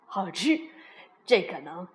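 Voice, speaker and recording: A woman voicing a lonely tyrannosaurus in a children's story, speaking slowly and gently. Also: lowish voice, sing-song, pitched below the performer's own voice. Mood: gentle. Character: lonely gruff tyrannosaurus uncle.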